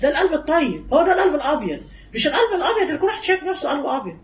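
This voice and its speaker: A woman with an Egyptian Arabic accent giving a religious lesson to women, animated and teasing, mimicking gossip and firing off rhetorical questions. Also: sits high. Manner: rapid-fire rhetorical questions. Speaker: religious teacher.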